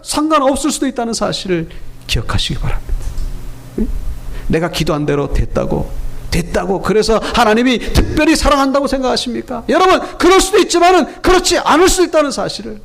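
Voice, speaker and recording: A male pastor delivers a sermon in a church sanctuary, throwing rhetorical questions at his listeners. His voice sits very high and has a gravelly, fry-edged texture. When he retells a story, he slips into the quoted voices. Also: a bit bright. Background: congregation answering amen.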